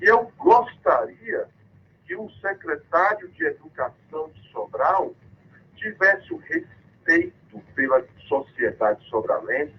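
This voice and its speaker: A man's voice: on the high side, huge pitch swings, slow. A man Brazil's Northeast calling into a radio show on a crackly, cutting-out phone line, speaking in an emphatic, accusatory and defiant way. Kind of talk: impassioned phone-in denunciation.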